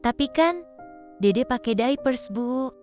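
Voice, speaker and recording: A tired young mother in an animated drama. Her voice sits fairly high and sounds weary and pleading, worn down by pain and hunger. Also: takes it slowly, soft background music. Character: exhausted young mother after a caesarean. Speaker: new mother.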